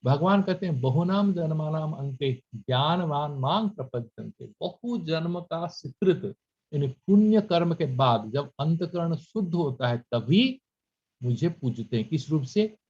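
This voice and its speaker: A man's voice: fairly high pitch, lively intonation, a little slow, a little mellow, husky, muffled recording. A man giving a spiritual lecture to students, slipping English phrases into his talk and reciting Sanskrit verses. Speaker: workshop speaker.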